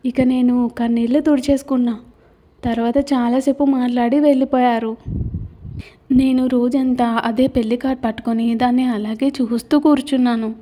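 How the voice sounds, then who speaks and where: A woman reads her own romance novel aloud in the first person, putting emotion into the narration. Her voice is high-pitched, with a notably dark, mellow tone. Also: flat delivery, moderate pace. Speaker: writer and narrator. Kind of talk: scripted audio novel narration.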